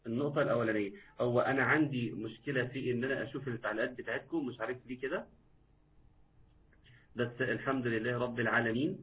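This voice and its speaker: Egyptian-accented male recitation teacher, live online class, patient and repetitive, quizzes viewers, tinny phone-like sound, mid-pitched voice. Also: rapid-fire. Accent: Egyptian Arabic.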